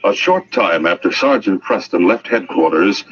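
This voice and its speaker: An actor performing the dramatic scripted narration of an old-time radio adventure serial. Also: male voice, low-pitched, expressive, moderate pace, a bit bright. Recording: muffled, noisy old radio recording.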